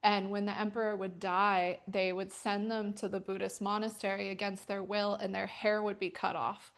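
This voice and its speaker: A woman's voice: mid-range voice, little pitch movement, moderate pace, creaky. A middle-aged woman teaching a yoga class and telling stories, talking casually and rambling with many fillers. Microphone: wearing a microphone.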